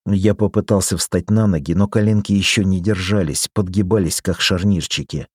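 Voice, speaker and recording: A man narrating a story in the first person, measured and steady. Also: low-pitched, breathy edge, no room sound, studio quality. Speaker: audiobook reader.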